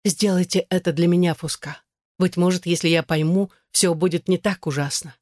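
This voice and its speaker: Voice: medium pitch, fairly even intonation, normal speed, a little mellow, dry recording, clean studio sound, lightly acted. A reader of an audiobook voicing a passionate, jealous woman who pleads and demands urgently. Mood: pleading, anguished.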